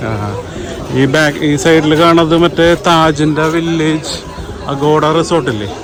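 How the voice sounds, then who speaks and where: A man's voice: a little high, steady tone, measured pace. A man guiding companions in a casual outdoor vlog, mixing English words into Malayalam and often checking with questions. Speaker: vlog guide. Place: outdoors at a seaside fort. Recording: noisy outdoor audio, vehicles, chatter.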